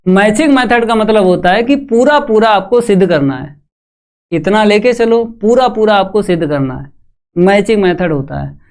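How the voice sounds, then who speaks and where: A man's voice: sits high, lively intonation, normal speed, a little mellow, clean tone. A man teaching maths in a live online class, walking students through each step and putting questions to the chat. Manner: calls students "bhai".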